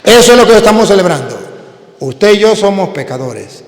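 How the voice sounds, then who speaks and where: A priest preaching a sermon, telling a story and calling out questions to the congregation. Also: male voice, sits high, normal speed. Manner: animated, calls out questions to the congregation. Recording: echoey hall.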